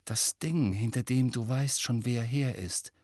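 Man putting on a sly quiet teen wizard twin, low-key and dry. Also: measured pace, dry recording, close to an everyday voice. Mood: probing. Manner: quiet, probing.

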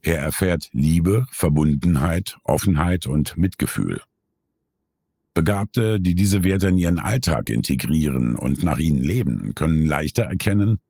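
A man reading a scripted nonfiction summary in a calm, measured way. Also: rumbling low, vocal fry, slightly rough, no echo, clean studio sound. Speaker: narrator.

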